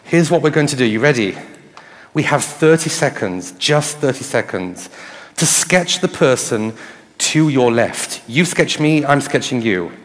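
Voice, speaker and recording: With lively intonation and a medium pitch, a man speaks without hurry during a live conference talk in a big hall, frequently putting rhetorical questions to his listeners. Reverb and audience noise fill the recording.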